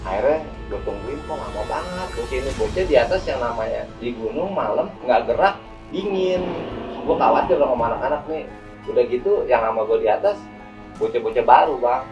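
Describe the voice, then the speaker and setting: A man's voice: mid-range voice, animated, a little fast. A young man casually telling a hiking story as a guest, rambling and repeating words, often calling the listener "Bang". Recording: distant mic with music behind.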